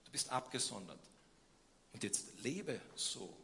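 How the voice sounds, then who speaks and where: A young man preaching a sermon, swinging between loud questions and quiet emphasis, with frequent hesitations. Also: mid-range voice, sing-song, unhurried, vocal fry, a little hiss or hum.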